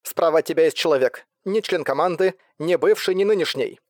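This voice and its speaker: A man's voice: on the high side, animated, normal speed, no room sound, studio quality, pitched above the performer's own voice. A man voicing an urgent, commanding young woman giving orders over a radio link in an audiobook. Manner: commanding, insistent.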